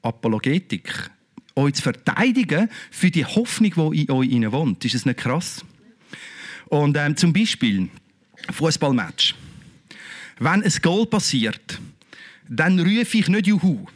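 A man's voice: a little high, very animated, a little slow, pauses often. A middle-aged man with a Swiss German accent preaching a sermon as pastor, fervent and exclamatory, tossing rhetorical questions at the congregation.

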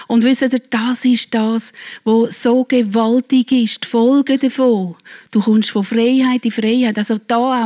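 A woman's voice: on the high side, dark tone. A middle-aged woman preaching a sermon, speaking earnestly and directly to her congregation.

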